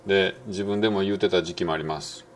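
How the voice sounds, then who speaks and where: A middle-aged man with a Kansai Japanese accent gives a casual spoken lesson on English pronunciation. He muses along with many fillers and slows right down to demonstrate words. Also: low voice, steady tone, slight background noise.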